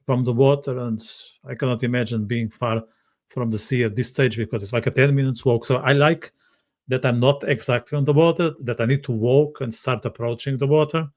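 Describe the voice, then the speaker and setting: Halting male podcast host, mid-pitched. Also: steady tone, darkish tone. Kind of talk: casual interview chat.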